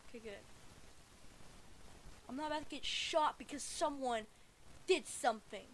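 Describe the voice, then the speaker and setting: A woman giving casual gameplay commentary, excitable and breaking into frustrated yelling. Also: sits high, normal speed, slight background noise, poor audio. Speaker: gamer.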